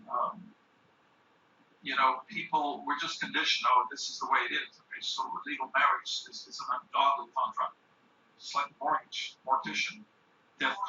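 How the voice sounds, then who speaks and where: A man's voice: medium pitch, sharp tone, slight background noise. A man giving an informal lecture to a group, rambling with restarts and frequent "okay?" check-ins. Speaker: speaker teaching a group. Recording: distant, dull, echoey room.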